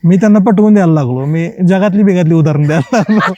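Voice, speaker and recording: A writer appearing as a podcast guest shares lively college stories in a relaxed interview, laughing a lot and performing the dialogue in everyday slang. His voice is high-pitched and fast, and the audio sounds dull.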